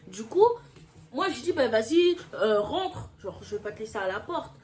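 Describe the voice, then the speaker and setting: A young woman telling a personal story in a casual, slangy way, getting heated and throwing in quick asides. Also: a little high, very animated, darkish tone.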